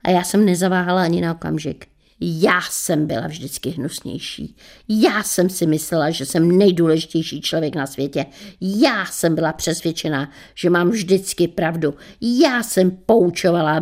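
A woman radio presenter reading her own short story aloud with wry, lively storytelling. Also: fairly low pitch.

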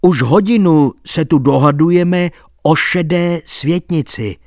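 A man's voice: a little high, a little mellow, dry recording, clean studio sound, voice pushed up, natural voice. A man reading an audiobook voices an earnest, insistent male doctor telling of a ghostly night. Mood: impatient.

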